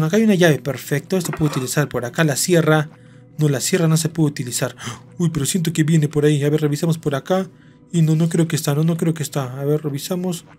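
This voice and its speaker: Excitable gamer man. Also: fairly high pitch. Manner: excitable, keeps talking to viewers. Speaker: gaming host. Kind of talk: let's-play commentary.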